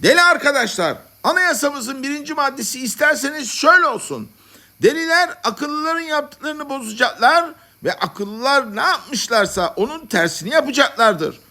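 A man voicing a grandiose, excitable lunatic leader who orates to a crowd in a storybook reading. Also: moderate pace, heavily acted. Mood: rousing. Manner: high-pitched, orating to a crowd.

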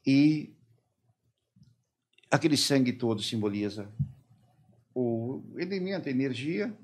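A middle-aged man from Brazil, a podcast guest, telling his story haltingly and quoting the people who questioned him. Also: medium pitch, animated, darkish tone, breathy edge. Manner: halting retelling, quoting his interrogators and himself. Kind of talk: personal testimony in a podcast interview.

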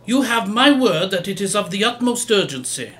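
A man playing Doctor Watson, high-voiced and animated. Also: normal speed. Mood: urgent. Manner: courteous, earnest, formal. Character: earnest, polite Victorian gentleman doctor, detective's friend. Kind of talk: audio theatre period drama acting.

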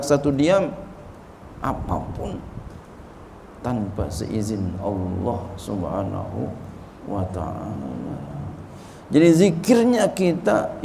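Gravelly-voiced Indonesian preacher, noisy recording. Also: male voice, a little high, dark tone. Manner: slow, repetitive, emotional preaching with chanted prayers. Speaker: Islamic preacher teaching a religious text. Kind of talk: religious study sermon.

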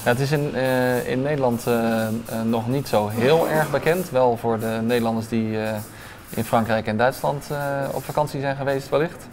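In a bright restaurant dining room, a restaurant owner in his thirties responds to interview questions through a lapel mic, hesitating often with filler sounds. His mid-range voice moves at a moderate pace with few pauses, and music plays in the background.

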